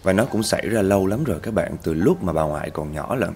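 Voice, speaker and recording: Deep-voiced man telling ghost stories. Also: lively intonation, quick pace, darkish tone, a little hiss or hum. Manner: chatty, addresses listeners as "các bạn", rises in pitch at tense moments. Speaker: storyteller host. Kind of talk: spoken ghost story narration.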